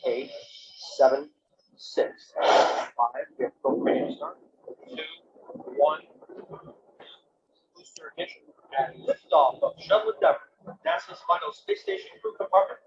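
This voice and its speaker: Launch commentator, man, gravelly voice through a muffled mission-control radio feed, lively calls. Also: fairly high pitch. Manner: measured countdown calls. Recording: muffled lo-fi broadcast with faint noise.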